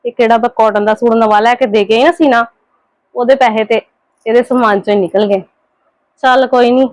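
A woman acting a scheming younger sister-in-law in a home drama skit, quick and defensive while sweet on the surface. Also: on the high side, no room sound, lightly acted. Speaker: actor in a family skit.

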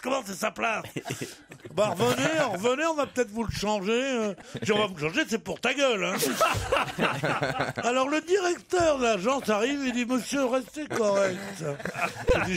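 Man, radio panelist, animated storytelling, casual swearing, high voice. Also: gravelly. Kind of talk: lively anecdote on a radio talk show.

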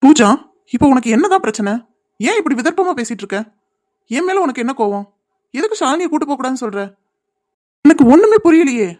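An earnest young man in a cartoon serial, a little high for a guy. He pleads and explains himself, sounding defensive and baffled. His voice sits on the higher side. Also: sing-song, brisk, pauses often, a little mellow. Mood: pleading.

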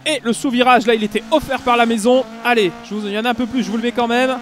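A young man giving lively, jokey play-by-play commentary on his own rally racing game run as a gaming video host. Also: very high voice, fast, heavy background noise. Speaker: gaming YouTuber.

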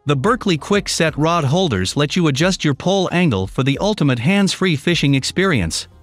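A man giving scripted voice-over narration for a product review, in an even, read-aloud listing delivery. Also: on the high side, normal speed, no echo. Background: faint background music.

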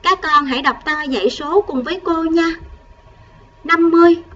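Woman teacher, high voice, patient and coaxing, counts slowly for young pupils; slight background hiss. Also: distant mic, highs cut off. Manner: patient, slow counting, coaxing children with gentle prompts. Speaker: primary school math teacher. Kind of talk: recorded math lesson for first graders.

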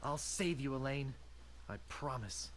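An actor playing a young, naive and earnest would-be pirate in a video game. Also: male voice, medium pitch, animated, a little slow, a bit bright, slight background noise.

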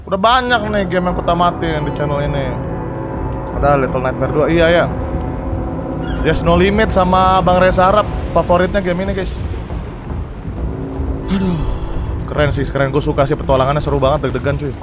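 A young man, chatting excitedly as he streams a game and talks to his viewers. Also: on the high side, moderate pace, pauses often, over music. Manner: excitable, chatty, addresses chat as guys. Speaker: gaming streamer. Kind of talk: live game commentary.

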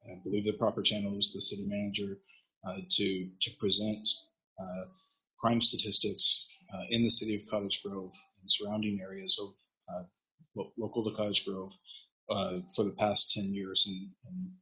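A man's voice: on the low side, little pitch movement, moderate pace, sharp tone. A man in his sixties on the council, hesitantly thinking aloud as he makes a motion by video call. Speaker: council member. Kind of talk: making a motion at a council meeting. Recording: muffled video call audio.

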